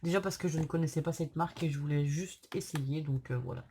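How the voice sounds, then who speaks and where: A woman's voice: low voice, quick pace, background noise. A woman talking with a sore throat from tonsillitis, chatting hesitantly and apologetically through a casual unboxing vlog. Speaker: craft channel host.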